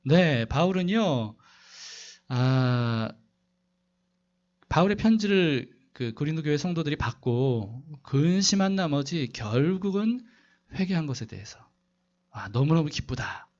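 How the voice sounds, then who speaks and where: A man's voice: on the high side, animated, slow pace, long pauses, a little mellow, muffled recording. A male pastor preaching a sermon, asking the congregation questions and telling a story to illustrate his point. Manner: asks the congregation rhetorical questions.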